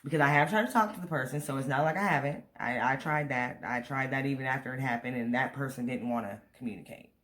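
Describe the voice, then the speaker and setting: Rambling American man with middling pitch. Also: fast talker, few pauses, fairly bright tone. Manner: rambling, venting, repeats questions to viewers. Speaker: vlogger. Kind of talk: casual storytime chat to viewers. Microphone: camera on a tripod.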